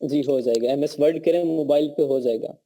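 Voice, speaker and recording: Over a call, a man with a Pakistani accent and a sore throat teaches a live online class, keeping it conversational and checking in with his students often. His voice is on the high side, he speaks at normal speed, and there's slight background noise.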